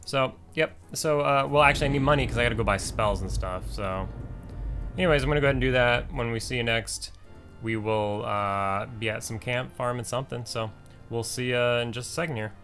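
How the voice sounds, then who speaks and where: A man's voice: medium pitch, a little fast, fairly bright tone, faint music behind. A man giving casual, rambling commentary over his own gameplay, with many fillers and restarts. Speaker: gaming channel host.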